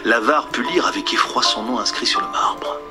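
A man narrating a storybook in a soft, hushed delivery that often drops to a near whisper. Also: mid-range voice, moderate pace. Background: music.

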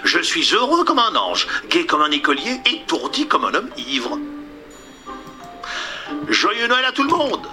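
An old miser who has just turned joyful, as a man puts him on, bursting out in high, strained cries. His pitch leaps well above the storyteller's own voice and swings about wildly. It is a storybook figure, with music under it. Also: wildly swooping pitch, normal speed, few pauses. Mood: elated. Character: elderly male miser turned joyful, excitable.

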